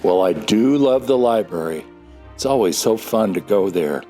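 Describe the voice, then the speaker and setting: A man plays a jolly old Santa Claus for an audio drama. His voice is fairly low and swings in melody, unhurried and folksy, with a cozy chuckle in it. Faint music sits behind him. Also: expressive, dark tone, close to an everyday voice. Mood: cozy, enthusiastic. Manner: folksy, chuckling, drawn-out delivery.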